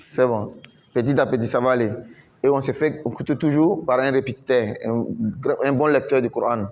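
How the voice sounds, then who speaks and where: In a mid-range, slightly mellow voice captured with dull audio, a man patiently instructs Quran recitation in French. He repeats every word many times at a slow pace, drawing out the recited syllables.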